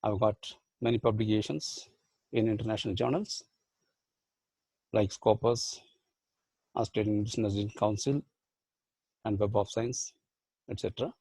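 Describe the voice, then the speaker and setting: A man's voice: on the low side, fairly even intonation, a little slow, vocal fry, long pauses, darkish tone, husky, no room sound. A man with an Indian English accent, a professor and life skills trainer whose first language is Badugu, giving a motivational online lecture full of rhetorical questions and repeated phrases.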